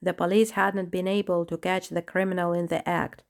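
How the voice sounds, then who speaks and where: A woman narrating a children's storybook with a steady, clear reading. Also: lowish voice, moderate pace.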